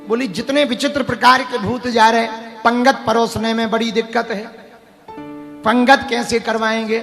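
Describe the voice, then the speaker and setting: A man delivers an animated devotional sermon, slipping into character voices as he tells the story. His voice sits very high and rings bright and forceful. It comes through a large hall with a long reverb and faint music underneath. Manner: animated, acts out characters, sings refrains. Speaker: religious storyteller.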